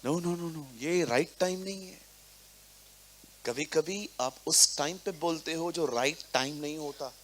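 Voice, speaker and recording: A man preaching a sermon to a congregation, swinging between quiet, mocking asides and loud, emphatic proclamation, and mixing English words into his preaching. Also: on the high side, a little slow. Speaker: pastor. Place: church service before a congregation.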